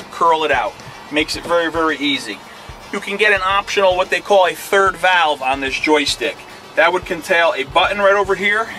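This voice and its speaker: A middle-aged equipment dealer salesman walks through a product plainly, using fillers, first outdoors on a lot and then inside a tractor cab. His voice is high-pitched with a sharp tone.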